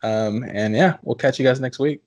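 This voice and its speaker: A man's voice: mid-range voice, normal speed, no room sound, lo-fi sound. A man hosting a casual podcast, chatting loosely with his co-hosts and wrapping up the episode. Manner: relaxed, wraps up the show. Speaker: podcast host.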